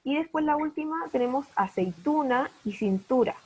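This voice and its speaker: A woman's voice: high-pitched, lively intonation, moderate pace, a little mellow, highs cut off. A woman teaching an online primary school class, patiently checking understanding with repeated questions. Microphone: video call.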